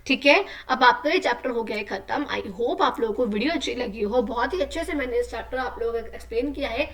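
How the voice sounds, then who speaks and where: Female teacher for young kids, high voice, mic a bit far off, repeats and quizzes. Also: fairly bright tone. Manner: repeats words slowly for children, asks rhetorical questions. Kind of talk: explaining a school lesson to children.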